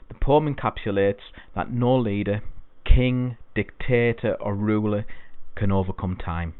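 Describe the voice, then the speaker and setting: A man's voice: fairly low pitch, no echo. A man teaching an exam-prep poetry lesson, explaining things patiently and repeating key points. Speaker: English tutor. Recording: dry, phone-like lo-fi sound.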